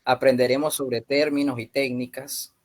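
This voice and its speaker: A man's voice: medium pitch, level tone, faint music behind. Venezuelan man teaching an online class. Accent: Venezuelan Spanish. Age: 30s. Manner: measured, with frequent hesitant fillers. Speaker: youth ministry instructor.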